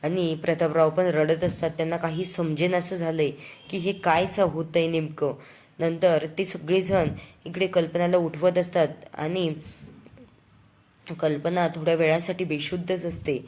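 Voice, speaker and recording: A woman with a somewhat low voice recaps a TV serial episode, narrating events in storytelling fashion. She keeps quoting what each character says and often breaks off a word to restart it. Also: flat delivery, a little slow, darkish tone. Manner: self-correcting mid-word restarts.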